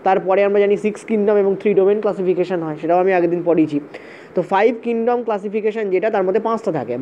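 With a mellow, medium-pitched voice, a teacher gives an exam-prep lecture full of repeated points, frequent "okay" check-ins, and terms spelled out letter by letter. The sound is dull, slightly lo-fi, and faintly hissy.

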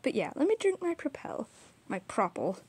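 A woman's voice: a little high, wildly swooping pitch, moderate pace, a little mellow, breathy edge. A young woman giving a casual, rambling, self-deprecating voiceover for her art video, recorded on a small audio recorder. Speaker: art vlogger. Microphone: small audio recorder, drifts off mic.

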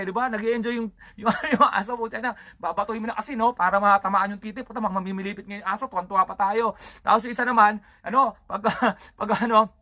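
A man's voice: high voice, pushed and bright, dry recording, studio quality. A man hosting his own comedy show, telling rambling, crude, swear-filled stories about childhood in a casual stand-up style. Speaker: comedian host.

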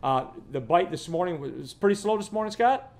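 This fifties-aged Florida fishing guide has a high, creaky voice with lively intonation and a slightly fast pace. Seated near the camera in his living room, he rambles casually through his vlog and repeats words a lot.

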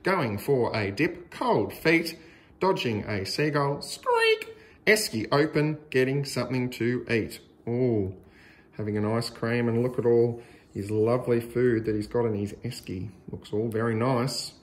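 Here an Australian man, very animated, reads a picture book to little kids. His medium-pitched voice moves in a slow, sing-song way, and he leans hard on his emphasis.

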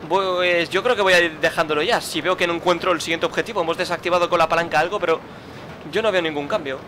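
A fast-talking man with a slightly high, sharp-toned voice grumbles and swears at the game while commenting on his own gameplay, muttering to himself in frustration. The recording carries a little hiss or hum.

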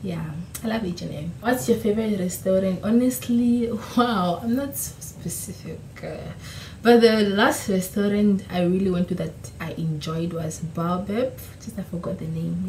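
A young woman from Namibia with Oshiwambo as her mother tongue speaks at a normal speed in a warm, medium-pitched voice. In her casual YouTube vlog, she answers questions chattily, laughs, and corrects herself, sitting in front of a camera in a small home room with echo and a faint hiss.

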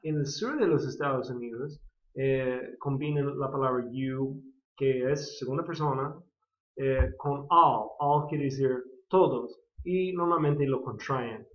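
A man's voice: mid-range voice, measured pace. An American man from California, a native English speaker, teaching an English grammar lesson in Spanish, patiently repeating model sentences. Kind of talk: slow bilingual grammar lesson. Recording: echoey, dull lo-fi sound.

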